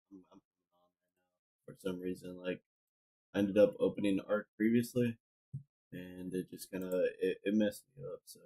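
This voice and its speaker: A man's voice: low voice, dark tone, low-quality recording. A man casually chatting on a live game stream from his home computer, rambling with lots of fillers as he talks to chat and a friend. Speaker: gaming streamer. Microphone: desk mic.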